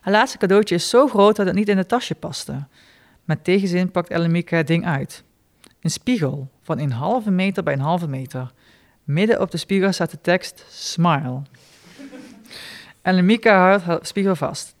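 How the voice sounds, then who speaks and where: A man reading his short stories aloud in a dry, deadpan way, with small spoken asides. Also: high-pitched, moderate pace.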